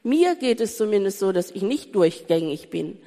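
A woman preaching a sermon, full of rhetorical questions and swinging between urgent pleading and soft calm. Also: mid-range voice, moderate pace. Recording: reverberant hall.

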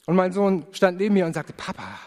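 Man, preacher, high voice, earnest confessional testimony, long hall reverb. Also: fairly even intonation, a little mellow. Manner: earnest, confessional storytelling with prayerful pauses. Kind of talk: personal testimony in a sermon.

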